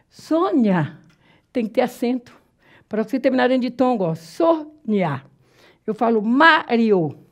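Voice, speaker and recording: A Brazilian woman teaching Portuguese grammar in a classroom lecture, explaining step by step, checking that the class follows, and slowly drawing out example words. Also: a little high, darkish tone. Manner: drawn-out, slow spelling of example words.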